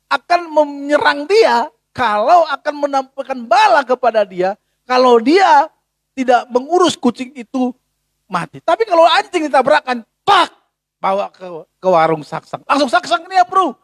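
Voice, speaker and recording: High-pitched animated male preacher. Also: no room sound, clean studio sound. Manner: animated, rhetorical questions, colloquial. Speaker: pastor. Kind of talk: sermon.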